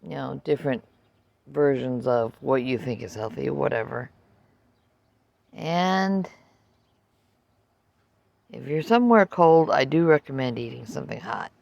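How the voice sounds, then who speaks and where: A woman's voice: extremely low pitch, a little slow, creaky, long pauses, a little mellow, no echo, highs cut off. An older woman in a casual outdoor vlog, chatting unhurriedly and talking to her dog between remarks. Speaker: vlogger.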